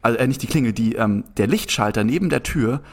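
A young man telling a long story in a casual conversation, rambling and animated, often restarting his sentences. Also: medium pitch, quick pace. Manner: rambling, animated anecdote with frequent restarts and filler "so".

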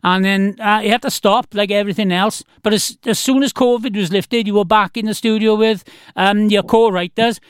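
High-pitched Welsh Valleys man, chatty and effusive. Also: fairly even intonation, normal speed, clean tone, no echo, studio quality. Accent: South Wales Valleys. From South Wales Valleys. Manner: effusive, matey, rambling. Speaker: radio host, interviewer. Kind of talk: casual chatty interview.

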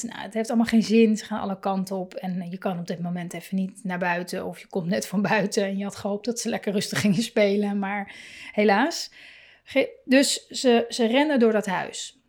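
A woman hosting a parenting podcast, talking casually and thinking aloud with many fillers and restarts. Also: medium pitch. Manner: laughs often and acts out parent and child lines. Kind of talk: casual solo podcast talk.

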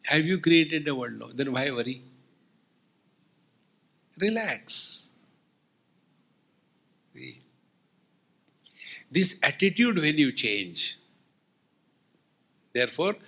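A man's voice: medium pitch, expressive, slow, pauses often, sharp tone. A man with an Indian accent giving a spiritual discourse as a swami, telling humorous anecdotes in a wry, teasing way with rhetorical questions.

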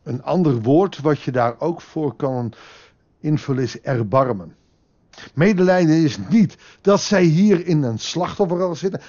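A man preaching with real fervour, his fairly high voice climbing to emphatic peaks. At other moments he drops to a hushed, prayerful tone. The recording is muffled and lo-fi. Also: measured pace. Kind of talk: devotional sermon with prayer.

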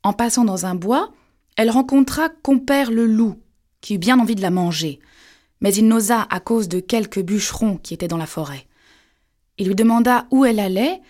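A woman reads a classic fairy tale aloud in a measured, expressive way. Her voice sits in a comfortable middle range. She tells it steadily, like a bedtime reading. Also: medium pitch. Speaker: storyteller.

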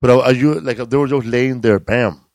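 A middle-aged comedian and host tells stories in a casual chat, laid-back, rambling, and profane. His medium-pitched voice has a darkish tone at normal speed, in a dry recording.

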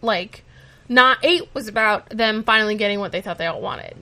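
A woman's voice: mid-range voice, normal speed, pushed and bright. A woman co-hosting a casual podcast, chatting about a TV show with wry, sarcastic asides. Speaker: podcast co-host. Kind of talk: casual TV recap chat.

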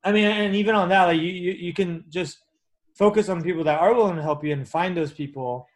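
A man's voice: sits high, a little fast, low-quality recording. A man hosting a podcast interview, talkative and encouraging as he sums up advice. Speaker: podcast host. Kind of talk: casual interview.

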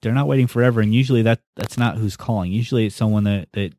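A man hosting a podcast in relaxed, casual conversation, leading the talk. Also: lowish voice, very fast, dry recording, studio quality. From United States. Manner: easygoing, leads the conversation. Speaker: podcast host.

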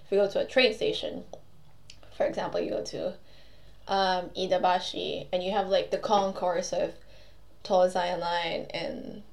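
Young woman, from the Philippines, casual co-host chat, giggly, animated. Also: on the low side, vocal fry. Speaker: podcast co-host.

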